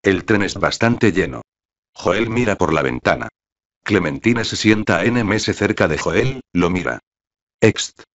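A man reads a screenplay aloud, stage directions and all. His voice is low and his delivery stays flat and monotone. The recording sounds dull and lo-fi. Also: unhurried.

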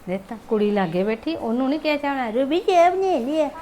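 A woman's voice: high voice, sing-song, fast talker, dark tone, slight background noise. A woman playing a resentful young daughter-in-law who grumbles under her breath with a Punjabi accent.

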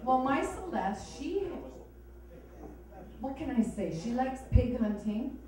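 Slow, sardonic woman comic from Hawaii. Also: high-pitched, very animated, crowd noise. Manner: sardonic, bawdy punchline delivery. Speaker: stand-up comedian. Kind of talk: stand-up comedy set. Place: comedy club stage. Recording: echoey club sound from far off.

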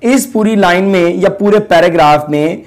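A man teaching an English lesson, explaining in Urdu and reading the English words out slowly with drawn-out emphasis. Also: sits high. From Pakistan. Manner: slow and deliberate, mixing Urdu with English. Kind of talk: recorded classroom lesson.

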